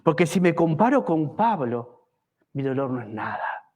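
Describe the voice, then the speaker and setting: High-voiced fervent pastor. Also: male voice, big pitch swings, a little slow, darkish tone. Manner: fervent, with many rhetorical questions to the congregation. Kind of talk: evangelical sermon. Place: church service.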